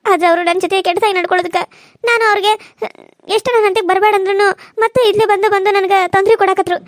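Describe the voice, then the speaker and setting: A woman's voice: very high-pitched, steady tone, racing, no room sound, studio quality. A woman voicing a meek young daughter-in-law in a cartoon serial, pleading and tearful. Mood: complaining.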